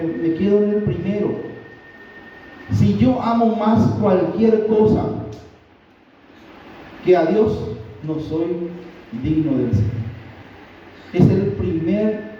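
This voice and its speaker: A man with a Paraguayan Spanish accent preaching a sermon as pastor, teaching slowly and deliberately. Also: sits high, slight background noise. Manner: slow, deliberate teaching with pauses. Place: church hall. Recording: distant, dull, very roomy church recording.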